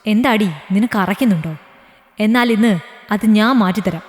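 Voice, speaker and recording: A woman's voice: medium pitch, fairly quick, in a large hall, close to an everyday voice. A woman doing a brutal, sneering husband. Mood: contemptuous. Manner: harsh, sneering. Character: brutal, contemptuous young husband.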